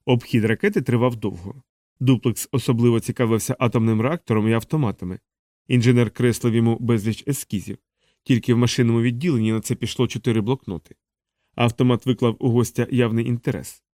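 A man narrating an audiobook in a measured, steady reading voice on a close studio mic. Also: mid-range voice, dry recording.

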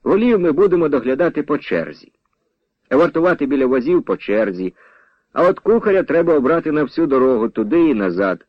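A man voicing a calm, firm leader of a wagon train who gives steady, businesslike commands, on a dull, dry old radio recording. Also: fairly high pitch, brisk, dry recording.

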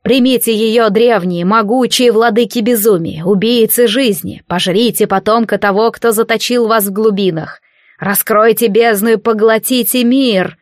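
A frenzied male zealot drawls his doom-laden invocations, loud, slow and heavy with triumph, as a woman narrator puts him on. The storybook voice sits close and dry, with no room around it. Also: mid-range voice, no echo, lightly acted. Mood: triumphant. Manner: ecstatic, slow proclaiming. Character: fanatical male villain proclaiming the abyss.

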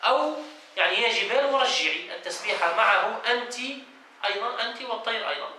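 Brief: male sheikh teaching a study circle, high, bright voice, distant and echoey. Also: animated, fast talker. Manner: reads a passage, then explains it and quizzes students. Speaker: sheikh teaching Quran exegesis. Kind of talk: classroom lesson, reading and explaining. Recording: echoey room, voice from off-mic, faint noise.

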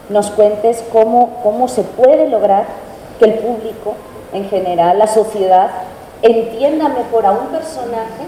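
A woman's voice: mid-range voice, mellow. A woman moderating a panel, courteously putting long questions and rephrasing them as she goes. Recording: echoey hall with faint noise.

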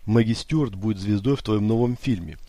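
A man voicing a calm, cool-headed, ironic young man in an audiobook, speaking quietly and composed. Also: on the low side, a little fast, no echo, lightly acted.

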